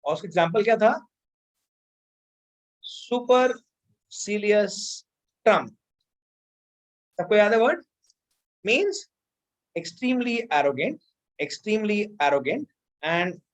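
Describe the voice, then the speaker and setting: Slow, deliberate Indian woman teacher. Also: medium pitch, low-quality recording. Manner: repeats key words and quizzes the students. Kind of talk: vocabulary lesson mixing Hindi and English.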